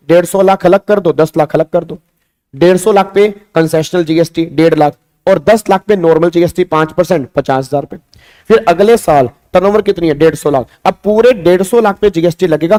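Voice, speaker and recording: A man teaching a tax class online, drilling students with repeated questions and urging quick answers. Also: high-pitched, warm tone. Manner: acts out examiner and students in quoted lines. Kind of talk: online exam-prep lecture.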